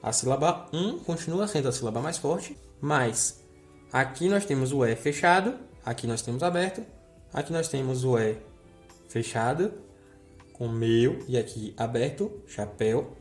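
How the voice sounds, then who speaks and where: A man's voice: mid-range voice, animated, normal speed, darkish tone, faint music behind. Man teaching with a friendly tone. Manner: friendly explainer who checks in with the viewer. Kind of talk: recorded grammar lesson.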